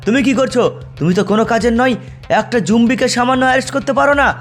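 A man's voice: extremely high pitch, racing, faint music behind. A man voicing a stern male police chief in a game video, scolding and urging his men. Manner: scolding, urgent.

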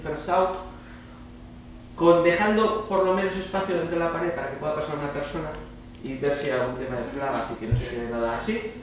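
Speaking in a mid-range voice with a Spain Spanish accent, a man gives a casual, emphatic presentation at a student congress, frequently checking in with quick tag questions. He stands on stage in an indoor lecture hall, captured by a distant mic that sounds roomy and carries faint noise.

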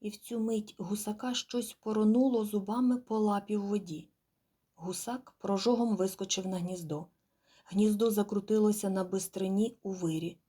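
A woman narrating an audiobook in a measured, quiet, expressive storytelling manner. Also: mid-range voice, breathy edge. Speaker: audiobook reader. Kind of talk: scripted narration.

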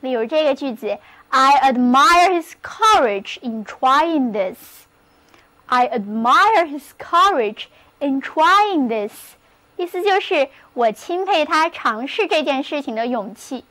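Slow high-voiced woman teaching vocabulary. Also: lively intonation, fairly bright tone. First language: Chinese. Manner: slow, careful spelling and read-after-me drills. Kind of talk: recorded vocabulary lesson.

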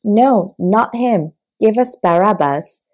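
A woman reading the shouted lines of an angry crowd of male leaders in an audiobook, in a low, mellow voice. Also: expressive, moderate pace. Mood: insistent.

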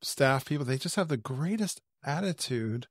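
A man's voice: medium pitch, expressive, moderate pace, no echo, clean studio sound. Chatty man hosting a podcast. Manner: chatty, laughs often, self-described blunt. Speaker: podcast host. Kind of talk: casual chat.

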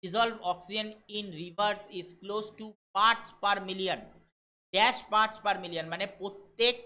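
A man from West Bengal teaching a live online exam-prep class, reading English questions out slowly and explaining them briskly while checking in with his students. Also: high voice, sharp tone. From West Bengal, India. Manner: brisk, keeps checking in with listeners.

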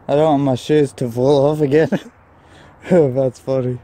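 A man's voice: medium pitch, steady tone, slow pace, dark tone. A man filming a ghost-hunting vlog outdoors by a tunnel, talking nervously to his handheld camera with jumpy exclamations. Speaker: vlogger. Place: outdoors near a tunnel and field.

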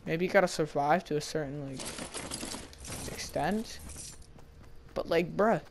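A young man mutters his way through a game in frustrated, slangy commentary. His voice sits a little high for a man. Loud game noise runs underneath his talk. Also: unhurried, gravelly. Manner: frustrated, slangy, mumbling to himself. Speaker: gamer. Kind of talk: casual gameplay commentary.

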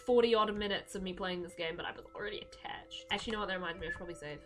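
A woman co-hosting a let's-play, chatting casually in a giggly, excitable and playful way. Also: medium pitch, racing, music in the background. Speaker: gaming channel co-host.

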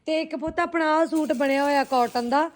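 Speaking a little fast in a high voice, a Punjabi-accented vlogger and boutique owner keeps up a casual, familiar chat aimed at both her viewers and the people with her.

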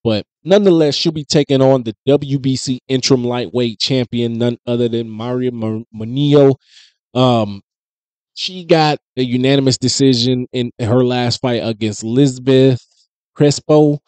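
A man in his thirties hosting a casual sports commentary show, talking in a conversational, animated way with frequent fillers and restarts, into a studio microphone in a small home studio. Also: medium pitch, a little slow, no room sound. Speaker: host. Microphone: studio mic on boom close to mouth.

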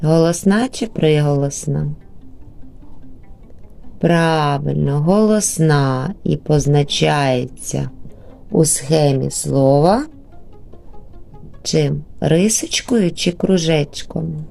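Woman teacher, Ukrainian accent, slow patient delivery, mellow low voice, faint music behind. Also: creaky. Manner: slow, patient, drawn-out syllables. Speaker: primary school teacher. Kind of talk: remote lesson for young children.

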